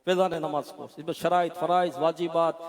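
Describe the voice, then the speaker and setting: A man's voice: fairly high pitch, flat delivery, brisk. A man preaching a sermon to a gathering, exhorting his listeners and rising to emphatic peaks. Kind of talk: sermon with sung devotional verses. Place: live religious gathering.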